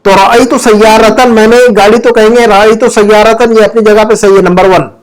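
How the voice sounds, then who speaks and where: A man's voice: sits high, fairly even intonation, moderate pace. A man teaching an Arabic grammar class from home, patiently drilling word endings and quizzing his students.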